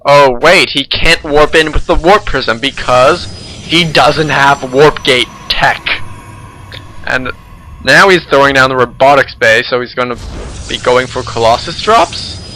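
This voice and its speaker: A man's voice: mid-range voice, measured pace, pushed and bright, a little hiss or hum, poor audio. Sarcastic man commentating a game replay. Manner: joking, sarcastic. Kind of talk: casual gameplay commentary.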